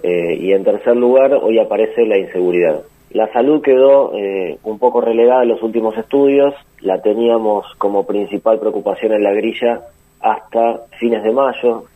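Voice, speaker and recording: Low husky man listing survey findings. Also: narrow, tinny audio. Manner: measured, lists points. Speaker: sociologist interviewee. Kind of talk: interview answers.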